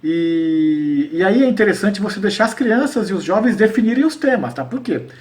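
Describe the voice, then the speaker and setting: A man's voice: sits high, expressive, recorded from a distance. A man from Paraíba, Brazil, with a Northeastern Brazilian accent, explaining poetry to teachers in an informal lesson and often asking the listener to confirm he is following. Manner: explanatory, checks in often with "né?" and "tá?", recites verses slowly. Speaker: cordel poet teaching educators.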